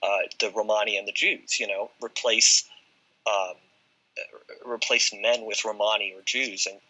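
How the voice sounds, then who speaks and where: Male guest, very bright and husky, argues quickly, popping low-quality audio. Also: steady tone. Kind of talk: casual discussion.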